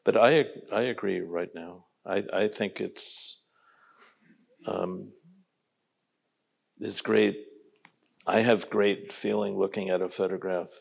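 A man's voice: low voice, fairly even intonation, takes it slowly, creaky, long pauses, slightly rough. A man in his eighties from New York, an artist on a panel, talking casually and making wry jokes. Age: 80s. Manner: wry, joking asides.

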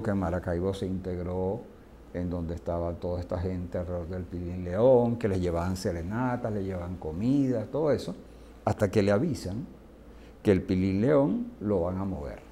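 A man's voice: sits low, normal speed, warm tone, a little hiss or hum. A man with a Venezuelan accent, a psychiatrist giving an interview, telling stories vividly and acting out what people said. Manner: vivid storyteller, acts out quoted speech. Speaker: psychiatrist guest. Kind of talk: storytelling interview answer.

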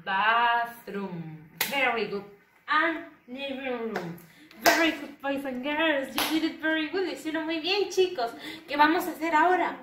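Slow, high-voiced children's English teacher. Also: female voice. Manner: slow, repeating words for children to say back. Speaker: primary school English teacher. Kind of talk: recorded online lesson for children. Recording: roomy, slightly distant, faint noise.

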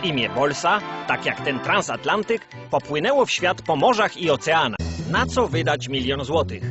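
A man's voice: a little high, very animated, moderate pace. A man narrating in the manner of an old communist-era newsreel, grandiose, solemn and rousing in a scripted mock-propaganda style. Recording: dull lo-fi sound under loud music.

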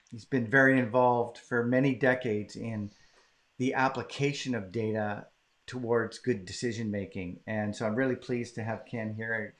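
A man's voice: medium pitch, a bit bright. A man from Canada hosting a live-streamed conversation, casual and chatty. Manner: casual, chatty, laughs easily. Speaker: host. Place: home, southern British Columbia.

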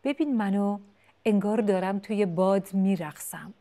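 A woman's voice: animated, close to an everyday voice. Woman doing a whiny little bee-eater chick. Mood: joyful. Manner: high childlike pleading.

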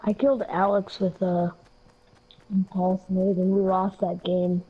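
A young man bantering with friends during an online game, quick and teasing. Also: high voice, little pitch movement, husky, phone-quality sound. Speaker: gamer, squad mate. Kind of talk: casual gaming chat with friends.

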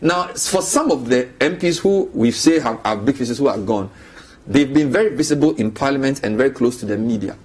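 A man's voice: medium pitch, animated. Argumentative Ghanaian man on a panel. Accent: Ghanaian English. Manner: argumentative, lists names quickly. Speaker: political analyst. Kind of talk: live TV panel debate. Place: TV studio with city view.

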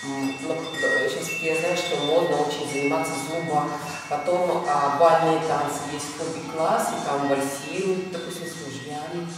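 A woman, a dance teacher, asks questions in a chatty, halting way, full of restarts. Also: low-pitched, steady tone, over music. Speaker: dance teacher interviewing a student. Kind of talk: casual interview. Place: large dance studio, indoors. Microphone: far camera. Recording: echoey hall from far off.

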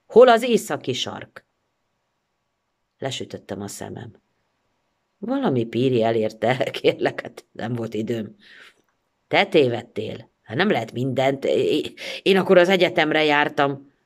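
An actress performs a first-person story as a theatrical recital. Her delivery is expressive, moving between pleading and irony. Her pitch rises and falls in wide, lively swings.

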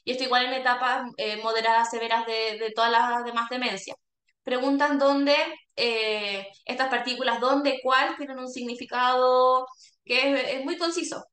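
Woman, speech therapist, bright, explanatory, checks in with listeners. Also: high-pitched. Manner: explanatory, often checks in with a questioning "¿ya?". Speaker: speech therapist leading a caregiver workshop. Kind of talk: workshop talk. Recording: echoey room.

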